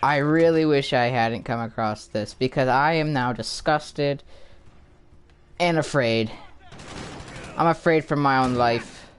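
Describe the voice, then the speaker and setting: A man's voice: mid-range voice, measured pace, pauses often, clean tone. A man talking casually to his viewers in a rambling, sarcastic vlog, swearing often and stumbling over his words. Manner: many fillers and restarts. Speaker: YouTuber.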